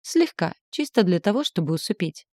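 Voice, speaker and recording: A cold, sneering man who threatens in a calm voice, as a woman reading the story gives him a low, dark tone. His menace stays quiet and controlled, and the recording is dry and close, with no room sound. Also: fairly quick, dry recording.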